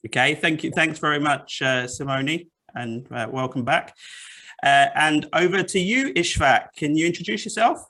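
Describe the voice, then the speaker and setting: A man's voice: a little high, normal speed. A man hosting an online investing panel from an office, talking in a friendly way with many fillers. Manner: friendly, filler-heavy, bright. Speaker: forum host. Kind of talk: video call panel moderation. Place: office room.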